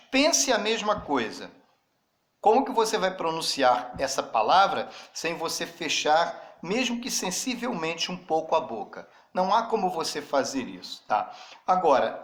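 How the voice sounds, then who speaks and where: Man, teacher, slightly high voice, unhurried, spells things out, echoey room. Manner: slow and deliberate, spells out letters, addresses students directly. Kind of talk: classroom grammar lesson. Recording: roomy echo.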